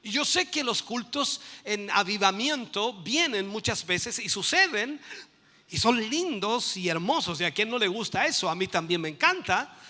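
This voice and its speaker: High bright voice, guy preaching a teaching sermon, long echo of a big hall. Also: expressive, moderate pace. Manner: emphatic, rising to loud bursts. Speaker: bishop and pastor.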